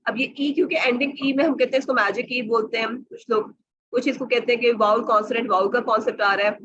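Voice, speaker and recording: A woman's voice: on the high side, steady tone, fast talker, fairly bright tone, husky. A woman trainer giving an online teacher training lesson, sounding out phonics words letter by letter and repeating the rules for listeners. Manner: asks listeners to remember rules, repeats herself. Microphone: online call or webcam mic. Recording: dull lo-fi online session audio.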